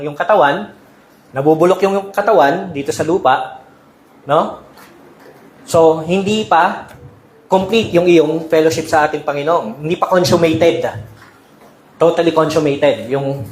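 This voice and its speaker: A fairly high-pitched male pastor preaches in the sanctuary, blending English into his Tagalog and regularly checking in with the people listening. His conversational sermon is recorded in an echoey hall with faint ambience and a touch of hiss or hum.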